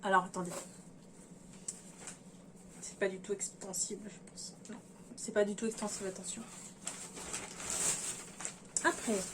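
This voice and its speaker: A woman's voice: medium pitch, steady tone, unhurried, long pauses, noisy background. A woman casually talking through fabrics in a sewing vlog, hesitating and thinking aloud with many fillers while addressing her viewers. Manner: chatty, addresses viewers directly. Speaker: sewing vlogger.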